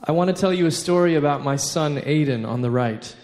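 A man in his thirties giving an earnest faith talk, with light self-mocking humor, pausing for an interpreter. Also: on the high side, a little mellow. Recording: long hall reverb.

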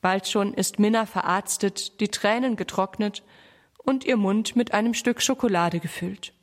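A woman narrating a children's story in an even storytelling voice. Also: mid-range voice, normal speed.

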